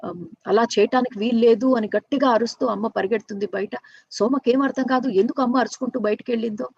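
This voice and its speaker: A woman with a somewhat high voice tells a story off the cuff, earnest and halting, often breaking off to restart her sentences. The recording sounds a little muffled and lo-fi. The room is dry, with no echo. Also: steady tone, gravelly, darkish tone, breathy edge. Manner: earnest, halting, frequent restarts and self-corrections. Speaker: storyteller and workshop teacher. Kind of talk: unscripted spoken storytelling.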